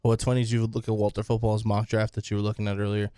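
A man's voice: fairly low pitch, monotone, racing, mellow, smooth, no echo, clean studio sound. A man co-hosting a casual sports podcast, arguing his pick emphatically and saying "like" a lot. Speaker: podcast co-host.

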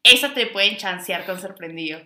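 A woman's voice: lowish voice, brisk, sharp tone, roomy sound, slight background noise. A young woman with a Venezuelan accent co-hosting a podcast in casual chat, teasing and laughing often. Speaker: podcast co-host.

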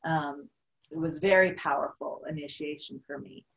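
A woman's voice: low-pitched, steady tone, moderate pace, gravelly, lo-fi sound. A woman talking earnestly and reflectively in a casual spiritual conversation, with frequent fillers.

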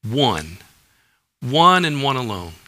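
A man's voice: medium pitch, big pitch swings, slow pace, bright, forceful tone. A man preaching a sermon as a pastor, talking in a conversational, folksy way with homely stories and asides.

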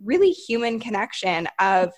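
A woman's voice: on the high side, very animated, moderate pace. A woman hosting a podcast, reflecting aloud on how she interviews guests. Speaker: podcast host. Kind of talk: casual interview talk.

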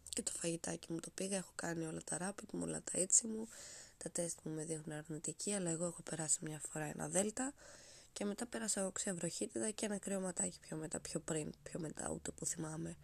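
A woman's voice: fairly low pitch, creaky, darkish tone. A young woman hosting a podcast in a casual, rambling, sarcastic monologue that often drops to a whisper, her voice congested after a cold. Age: young adult. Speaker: podcast host.

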